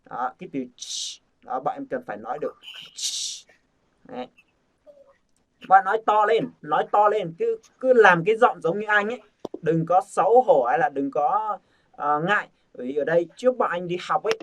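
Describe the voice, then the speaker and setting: A man's voice: high voice, animated, normal speed, fairly bright tone. A man teaching English pronunciation to a group, coaxing and repeating sounds over and over. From Vietnam. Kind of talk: casual group lesson. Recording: dull lo-fi sound.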